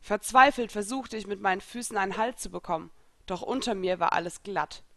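Woman narrator for a first-person story, expressive and lively, mid-pitched, close dry sound. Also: brisk, no echo. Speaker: reader.

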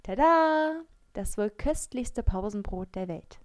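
A woman's voice: a little high, animated, moderate pace, gravelly, a little mellow, no echo. A woman voicing a cheeky, teasing teenage schoolgirl in a storybook. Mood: proud.

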